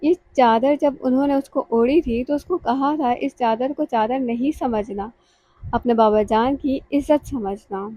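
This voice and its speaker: A woman narrating a romantic novel in a measured, emotional reading. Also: high-pitched, highs cut off, a little hiss or hum. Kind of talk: scripted audiobook narration.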